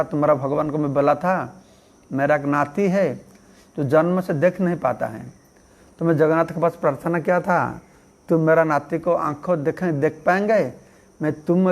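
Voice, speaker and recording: A man telling devotional stories in a relaxed, conversational sermon, acting out the people in them and often adding an affirming "haan". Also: a little high, creaky. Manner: conversational, acts out voices in his stories; frequent affirming "haan" fillers. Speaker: monk preacher. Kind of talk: storytelling sermon.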